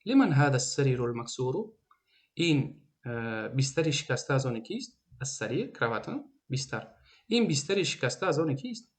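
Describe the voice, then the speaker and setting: A man's voice: mid-range voice, sing-song. A man with a Tajik accent teaching an Arabic grammar lesson. He says each example sentence twice, then translates it patiently. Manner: patient, explanatory.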